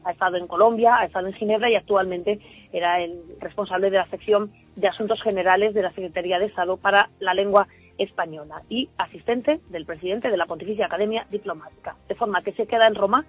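Husky woman reporting radio news. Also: medium pitch, rough recording. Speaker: radio correspondent.

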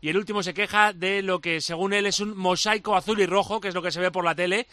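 A man with a Spain Spanish accent, a radio co-host reading out listener messages in a clear, measured way. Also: high-pitched, steady tone, sharp tone, dry recording.

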